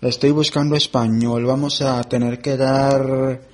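A man presenting a relaxed tutorial, explaining app settings step by step and thinking aloud as he goes. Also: mid-range voice, a little slow, slight background noise. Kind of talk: screen-reader app walkthrough.

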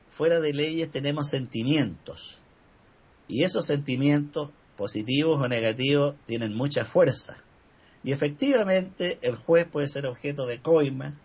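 An older man speaking in a measured, discursive way on a discussion panel, often pausing on "eh". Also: medium pitch, lo-fi sound. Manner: measured, discursive, with frequent "eh" fillers. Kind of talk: reflective discussion talk.

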